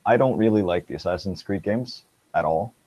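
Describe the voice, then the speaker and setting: A man's voice: deep voice, fairly quick, warm tone, no echo. A man in casual gaming chat, laid-back with dry remarks. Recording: dull dry lo-fi mic.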